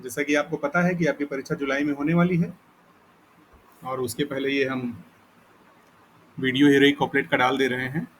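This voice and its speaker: A man teaching a recorded lesson, explaining step by step and repeating points, reading definitions aloud slowly. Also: mid-range voice, steady tone, a bit bright, slight background noise. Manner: explains slowly in Hindi, reads English definitions aloud haltingly with pauses. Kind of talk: recorded lecture.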